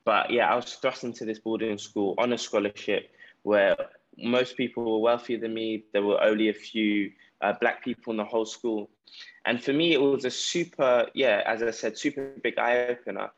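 South london guy chatting in an interview, lowish voice, bit of a dull lo-fi recording. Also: fairly even intonation, normal speed. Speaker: podcast guest, entrepreneur. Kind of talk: conversational interview answers, personal storytelling. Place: remote call from Ghana.

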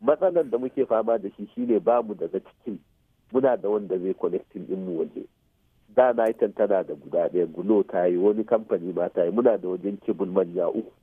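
Low-pitched, fast and slightly rough, this Hausa-accented Nigerian man explains topics on the radio as an expert, dropping in English technical vocabulary and checking comprehension with brief tag questions. There's no room sound, just a muffled phone-line tone.

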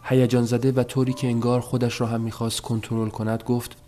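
A man narrating a story as an audiobook, in a measured, subdued telling. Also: medium pitch, level tone, dark tone, faint music behind.

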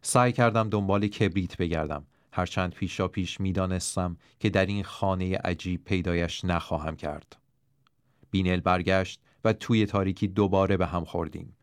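Guy reading a first-person story, really low voice, dry close sound, steady pace. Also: clear, resonant tone, no room sound. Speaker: audiobook narrator.

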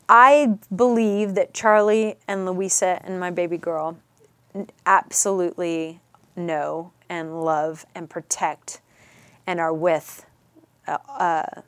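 Middle-aged woman, lowish voice, talks earnest and halting, goes almost whispery, dry no-room sound. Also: dry recording. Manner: earnest, halting, drops soft near a whisper. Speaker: guest. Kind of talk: personal storytelling in a podcast interview.

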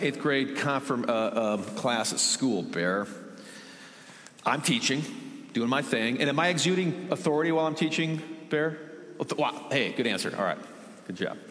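A man's voice: on the high side, fairly bright tone. Male pastor, sermon: conversational with joking asides, emphatic on key points, echoey room. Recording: echoey hall with long reverb.

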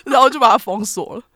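A woman's voice: fairly high pitch, sharp tone, no echo, clean studio sound. A woman with a Taiwanese Mandarin accent co-hosting a casual podcast, telling stories animatedly and laughing often. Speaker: podcast co-host. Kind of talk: casual chat, reading listener comments.

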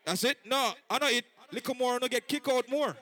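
A man DJ giving loose, laughing party shout-outs over a dancehall set. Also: extremely high pitch, a little fast. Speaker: DJ hyping the crowd.

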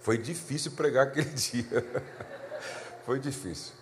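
A middle-aged male pastor preaching a sermon, telling a family story with animated delivery that climbs in pitch when excited. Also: unhurried, in a large hall, a little hiss or hum.

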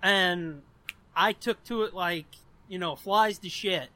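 Slow and sharp in tone, with a voice that sits high, a podcast host in his twenties from America tells personal stories. His chatter is loose, meandering, and full of profanity.

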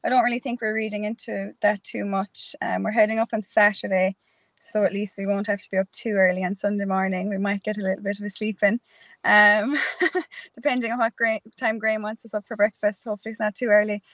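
A woman's voice: medium pitch, little pitch movement, fast talker, fairly bright tone, no echo. A woman with an Irish accent answering casually in a sports interview as a player. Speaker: Gaelic football player.

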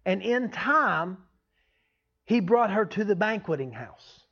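A man's voice: high-pitched, sing-song, slow pace, fairly bright tone. A man giving an informal, folksy teaching sermon as a preacher, often checking in with his listeners. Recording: dull, lo-fi sound.

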